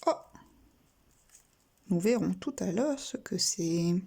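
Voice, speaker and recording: A woman teacher gives a reading lesson at a very slow, careful pace, spelling out each letter and sound. Her pitch rises and falls a lot. Her voice is mellow and a little breathy. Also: animated. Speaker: primary school teacher.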